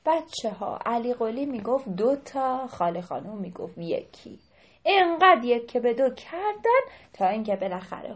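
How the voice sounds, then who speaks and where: A woman narrates a folk tale for children, stopping now and then to speak to them directly. Her voice sits fairly high and moves a lot, rising and falling with the story. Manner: lively, addresses the children directly.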